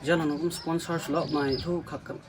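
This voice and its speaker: A man's voice: a little high, flat delivery, normal speed, noisy background. A man being interviewed as a guest in a cafe, talking unhurriedly, repeating words and mixing in English words. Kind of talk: casual interview chat.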